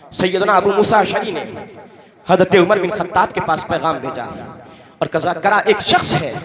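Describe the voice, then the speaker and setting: Fervent high-voiced male preacher. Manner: fervent, rising to shouts, leads call-and-response chants. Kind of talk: fiery religious sermon. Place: public religious gathering. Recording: audience noise behind.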